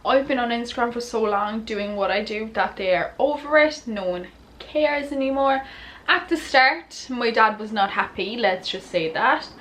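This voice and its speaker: A woman's voice: on the high side, normal speed, fairly bright tone, a little hiss or hum. A young woman answering follower questions in a casual, candid, giggly and tipsy chat. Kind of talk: casual chatty Q&A to camera.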